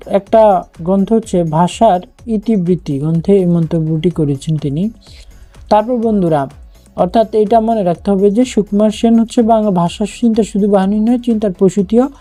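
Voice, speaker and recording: Female tutor, very dark mellow tone, patient step-by-step exam-prep explainer, soft music underneath. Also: mid-range voice. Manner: explains step by step with fillers and repeats. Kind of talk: online exam-prep lesson.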